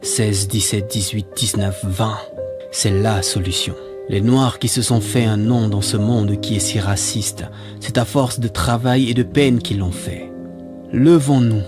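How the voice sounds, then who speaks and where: A man's voice: fairly low pitch, fairly even intonation, measured pace. A man reading a scripted monologue in a solemn, exhorting manner with rhetorical repetition. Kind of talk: scripted spoken-word monologue. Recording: music behind the voice.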